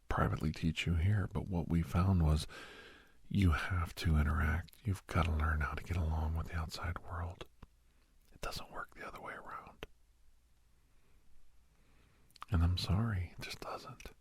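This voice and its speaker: A man with a low voice plays a calm, earnest doctor who counsels a young werewolf in a heavily acted ASMR role-play, the mood hopeful and gentle. He talks in a slow, reassuring, hushed and breathy way, often whispering, and there's no room sound.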